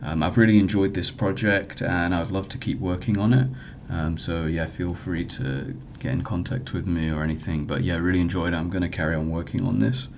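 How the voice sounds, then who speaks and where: A man giving an informal software demo walkthrough as a developer, speaking in a hesitant, halting way with frequent stumbles. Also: steady tone. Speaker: hackathon developer presenting own project. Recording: clear background noise with low rumble.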